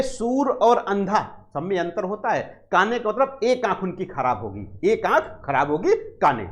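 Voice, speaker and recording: A man teaching a literature class for exam preparation, who asks the class questions and answers them himself, repeats key points, and reads verse lines slowly. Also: high-pitched. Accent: Hindi of Uttar Pradesh. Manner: recites verse slowly and drawn out. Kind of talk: exam-prep literature lecture.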